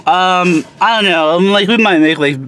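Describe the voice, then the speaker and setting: A man's voice: sits high, moderate pace. A man in his thirties chatting casually to a phone camera from inside a moving car, rambling and talking to his viewers. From North Carolina. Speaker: travel vlogger. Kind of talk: casual chat. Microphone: phone camera held close. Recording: loud road noise in car.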